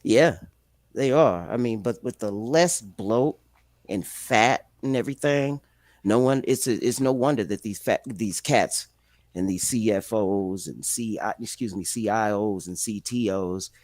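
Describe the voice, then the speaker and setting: A man's voice: lowish voice, measured pace, darkish tone, no room sound. A man in casual chat who talks laid-back in street slang and swears freely.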